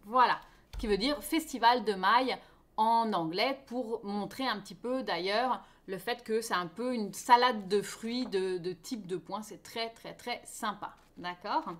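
A woman's voice: medium pitch, a little slow. A woman teaching a live online knitting class. She talks in a chatty way and often checks in with her viewers. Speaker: knitting teacher hosting a knit-along.

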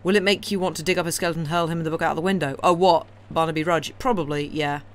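This livestream host, a woman who reads classic novels aloud, talks fast in a low-pitched voice. Her chat with the live audience is casual and meandering, full of wry opinions and enthusiasm, over a clear, steady background hum.

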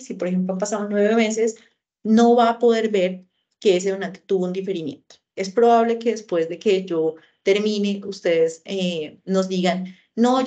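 A woman's voice: medium pitch, mellow. A woman with a Colombian accent giving an online training presentation, explaining step by step and asking rhetorical questions. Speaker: presenter of a health institute system.

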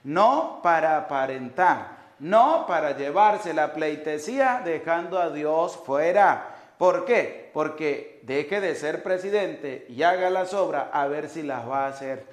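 Slow, emphatic priest in an echoey chapel. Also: male voice, on the high side, expressive. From Venezuela. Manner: emphatic, repeats rhetorical questions. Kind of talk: sermon. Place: chapel altar, indoors. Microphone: lapel mic.

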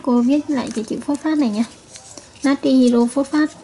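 A woman's voice: high-pitched, a little fast, mellow, slight background noise. A woman chemistry teacher giving a recorded video lesson, patiently repeating each point and checking with her students.

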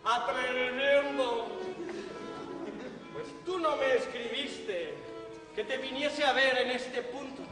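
Jealous young suitor, man acting, impassioned, very high pitch, far off, roomy stage. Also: slow, music in the background. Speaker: stage actor. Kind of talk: classical verse theatre. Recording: echoey theatre stage from far off.

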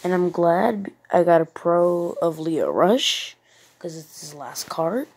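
Slow, laid-back woman with a lowish voice. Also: slightly rough. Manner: laid-back, deadpan sarcasm. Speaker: mobile game player. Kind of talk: casual commentary over a screen recording. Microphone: phone mic.

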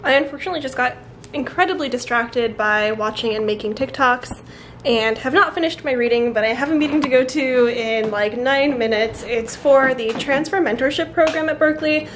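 A woman's voice: sits high, moderate pace. A young woman from California's Central Valley, a college student talking candidly in a casual vlog, with lots of "like" fillers. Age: young adult. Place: at home.

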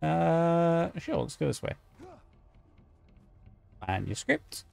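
Gravelly, unhurried male game streamer. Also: on the high side, very animated, darkish tone. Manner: chatty, jokey, talks to chat, yelps at scares. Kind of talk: gameplay commentary.

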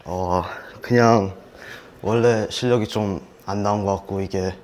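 Low-voiced hesitant young man. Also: steady tone, a little slow, a little mellow, a little hiss or hum. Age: young adult. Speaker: tryout player. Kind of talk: casual interview. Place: small indoor room with sponsor backdrop.

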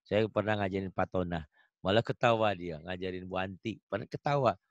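A man teaching Quran recitation over an online call, chatting and coaching, then chanting example verses slowly and melodically. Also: deep voice, no room sound, lo-fi sound. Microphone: video call.

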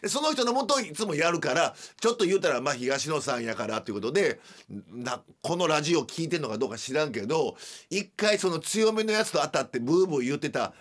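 A middle-aged man with a Kansai accent, hosting a radio show and telling a story in a chatty, animated, self-mocking way. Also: a little high, quick pace, hardly any pauses. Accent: Kansai Japanese. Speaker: radio host. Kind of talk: casual storytelling monologue.

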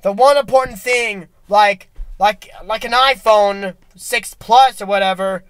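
A young man with a high voice rambles through a comic monologue in a slow, unhurried way. He trips over restarts and swings between sudden shouts and hushed asides. The sound is dry and close. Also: clear, resonant tone, no echo. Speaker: comedy vlogger.

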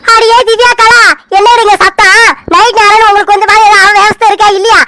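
A woman voicing an exasperated older mother-in-law who scolds her quarrelling daughters-in-law in an animated family drama. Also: extremely high pitch, fast. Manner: stern, exasperated.

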